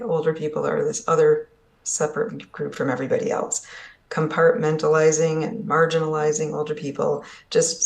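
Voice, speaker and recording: At a summit session in an events complex, a conference presenter gives an earnest, explanatory talk on ageism. The voice is mid-range with vocal fry, and the speaker often checks in with the audience by asking "right?".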